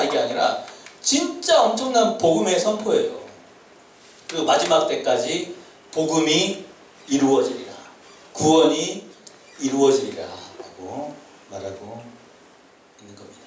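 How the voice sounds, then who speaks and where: Lively man preaching in an echoey hall. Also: a little high, slight background noise. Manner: animated, shouts calls, laughs between points. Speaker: youth pastor. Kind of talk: sermon to high schoolers. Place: church hall. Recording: echoey church hall from far off, faint ambience.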